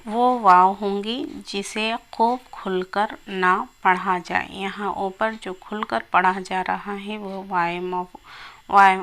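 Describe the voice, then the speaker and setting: A woman's voice: medium pitch, fairly bright tone. A woman teaching a grammar lesson for exam preparation, explaining step by step and repeating example words.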